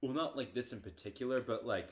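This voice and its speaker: Teen guy chatting, halting and loose. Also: medium pitch, a little hiss or hum. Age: teens. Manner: hesitant, lots of fillers and restarts. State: hiccups. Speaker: podcast co-host. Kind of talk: casual chat.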